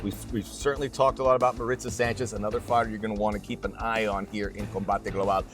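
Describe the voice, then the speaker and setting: A man's voice: lowish voice, level tone, fast. A man hosting a sports show, commentating on fights with punchy promotional phrasing over music. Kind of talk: MMA broadcast commentary. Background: music bed.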